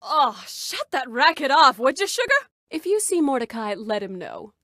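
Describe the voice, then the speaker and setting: A woman's voice: high-pitched, sing-song, normal speed, sharp tone, no echo, studio quality, heavily acted. A woman voicing a flirtatious, brash bar owner in a video game, speaking in a sultry, suggestive purr. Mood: flirty. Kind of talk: video game character dialogue.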